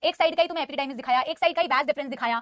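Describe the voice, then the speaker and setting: A woman's voice: high voice, rapid-fire, no room sound, clean studio sound. A woman teaching biology in a live online class, mixing Hindi with English and calling her students "beta". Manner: scolding yet insisting she is calm.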